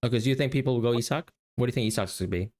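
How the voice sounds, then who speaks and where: A man's voice: mid-range voice, rapid-fire, a little mellow. A man co-hosting a podcast in casual analytical chat, thinking aloud and often restarting his sentences. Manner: rambling, self-correcting, thinking aloud. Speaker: podcast co-host.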